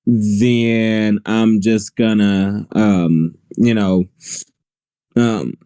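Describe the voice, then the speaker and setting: A man's voice: lowish voice, steady tone, drawn-out words, dark tone, clear, resonant tone, no room sound. A man co-hosting a live weather stream, rambling and laughing often in casual on-air chat.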